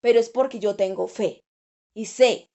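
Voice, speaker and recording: A woman's voice: medium pitch, unhurried, mellow. A woman preacher giving an earnest sermon, repeating key phrases for emphasis.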